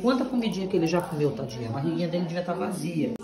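A woman calmly explaining her dogs' eating to the camera in a casual home video. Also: fairly low pitch, racing. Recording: echoey room with crowd noise.

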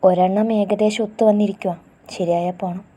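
A woman voicing a young male auto driver who speaks quietly and tenderly to his girlfriend. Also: mid-range voice, steady tone, normal speed, husky, natural voice. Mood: reassuring. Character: gentle young man, auto driver, protective lover.

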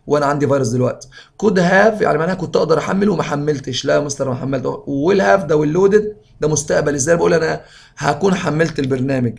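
Egyptian guy teaching english grammar, rapid-fire, gravelly voice. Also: a little high, darkish tone. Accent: Egyptian Arabic. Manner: fast, reads English sentences slowly then explains in Arabic. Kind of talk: explaining grammar exercises.

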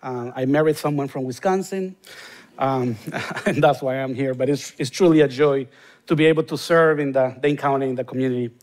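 On a large indoor church stage, a Honduran guest pastor in his forties preaches a sermon and prays with a Honduran Spanish accent, earnest and rising into emphatic bursts. His voice is medium-pitched, a little mellow, and fairly quick.

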